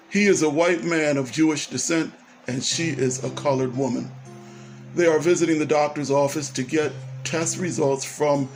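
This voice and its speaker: A man with a fairly high voice tells a story, turning to address the listener directly with questions. Soft guitar music plays quietly behind him throughout. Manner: talks straight to the listener, asks questions. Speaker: narrator. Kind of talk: storytelling narration. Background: faint guitar music.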